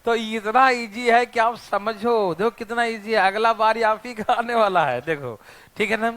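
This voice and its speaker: Man, math teacher, classroom lecture, teasing, fairly high voice, slow delivery. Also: a bit bright. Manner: teasing, checks in with students constantly.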